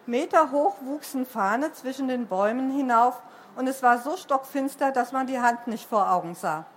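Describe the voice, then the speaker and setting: Woman storyteller at bookshop reading, high voice, faint room noise. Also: moderate pace. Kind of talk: reading a children's book aloud. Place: bookshop event.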